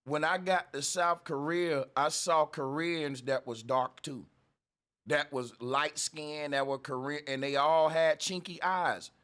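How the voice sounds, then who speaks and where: Male panel host, pitched a bit high, pushy and emphatic, interrupts constantly. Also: steady tone, a little slow, a bit bright, clear, resonant tone. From United States. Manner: interrupts, emphatic, repeats phrases. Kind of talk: heated casual debate.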